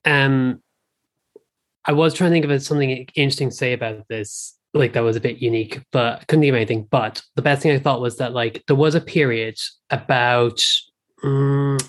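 An Irish man speaks as a podcast guest in a casual film chat. His pitch is middling and his talk is informal, peppered with "like". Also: normal speed. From Ireland.

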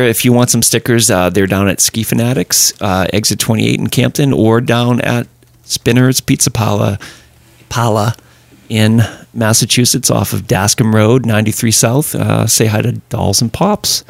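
A man's voice: mid-range voice, moderate pace, vocal fry, dry recording. A man hosting a podcast, chatting in an easygoing, storytelling way. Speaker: podcast host. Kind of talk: casual podcast chat.

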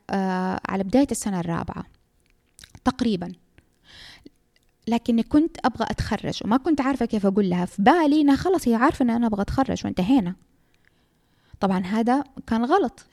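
A young woman, a graduate student, giving frank and lively advice in a casual talk that mixes in English terms. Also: medium pitch, no echo, clean studio sound.

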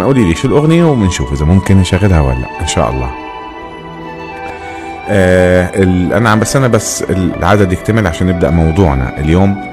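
A low-voiced man with a Levantine Arabic accent chats quickly to his live-stream viewers over music. He often stops, repeats a word and picks up again. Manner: halting, repeats himself, addresses viewers directly.

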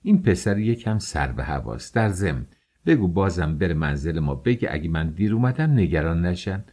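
An anxious older mother begs for news, voiced plainly by a male reader. The voice is deep and husky, with a lively rise and fall as she pleads. This is an audiobook reading.

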